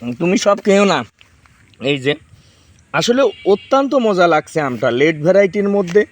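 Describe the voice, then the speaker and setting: In a sing-song, high voice at a measured pace, a man in his thirties from Bangladesh chats outdoors for his farming vlog. He demonstrates fruit in the garden and directs his children.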